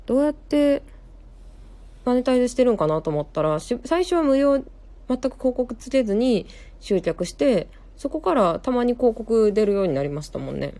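A woman's voice: fairly high pitch, sing-song, normal speed, warm tone. A young woman with a Kansai accent, hosting a casual live stream, chatting in a rambling way, reading viewer comments aloud and correcting herself as she talks. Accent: Kansai Japanese. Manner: chatty, rambling, many fillers and self-corrections.

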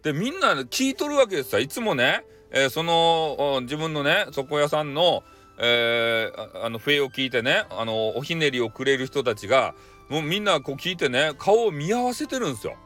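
A man's voice: on the high side, animated, moderate pace, bright, forceful tone, soft background music. A man with a Hakata accent casually retelling a folk tale for bedtime, playful and rambling. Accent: Hakata dialect. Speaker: storyteller.

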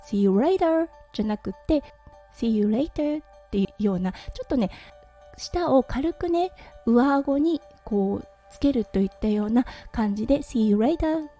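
A woman's voice: fairly high pitch, lively intonation, moderate pace, mellow. A Japanese woman hosting a casual solo audio show, chatty with frequent little fillers, faint music behind. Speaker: podcast host. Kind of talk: casual solo radio talk.

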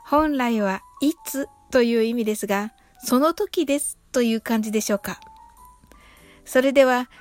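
A woman teaching an English phrase in a polite, lively manner, acting out short quotes with playful emphasis. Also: sits high. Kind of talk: friendly audio English lesson.

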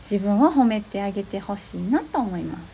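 A young woman hosting an advice talk, explaining steps gently with frequent soft agreeing fillers. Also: medium pitch, animated, brisk, vocal fry, husky. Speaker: podcast host giving advice to therapists.

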